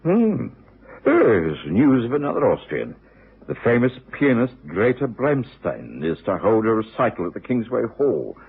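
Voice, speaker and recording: An actor playing a genial, sensible doctor in a radio drama, with a British accent and a husky voice. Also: male voice, mid-range voice, wildly swooping pitch, measured pace, exaggerated voice. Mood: pleased. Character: genial, sensible male doctor, the detective's companion. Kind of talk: radio drama acting and narration. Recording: thin, narrow-band old radio recording.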